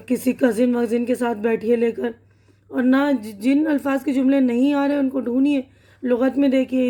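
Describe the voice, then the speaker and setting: A woman's voice: high voice, warm tone. A woman with a Pakistani Urdu accent teaching English vocabulary and pronunciation, patiently reading word lists aloud and checking in with her students. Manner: patient, repeats words slowly, checks in with "theek hai na".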